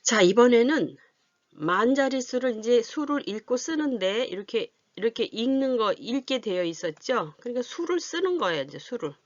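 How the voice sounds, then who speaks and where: A woman with a fairly high, animated voice teaches adults a math lesson on reading and writing big numbers, staying patient and frequently asking if they're following. She draws out her counting as she writes on the board. There's no room sound in the dull, dry, lo-fi recording.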